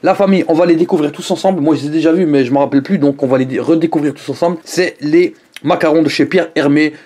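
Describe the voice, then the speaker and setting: At home in front of the camera, a man chats his way through a food review for his vlog, throwing in lively exclamations and asides to viewers. He speaks fast with a fairly high pitch.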